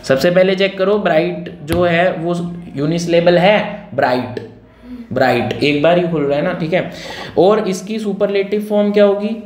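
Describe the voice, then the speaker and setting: A man's voice: high-pitched, moderate pace, a little mellow. A male grammar teacher leading a classroom lesson, repeating key words and firing check questions at his students. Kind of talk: classroom grammar lesson in Hindi mixed with English. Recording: roomy echo with faint noise.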